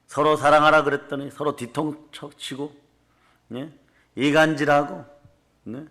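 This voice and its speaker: Bright-voiced fervent Korean preacher man. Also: on the high side. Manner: emphatic declarations answered by the congregation; frequent tag questions to the listeners. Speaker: pastor. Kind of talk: fervent revival sermon. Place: church service before a congregation.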